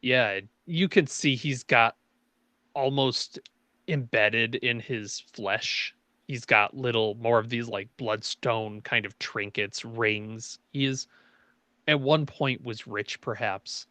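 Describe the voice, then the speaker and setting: A man's voice: medium pitch, slow, sharp tone, no room sound. A man narrating a tabletop fantasy game as game master, describing the scene in short phrases.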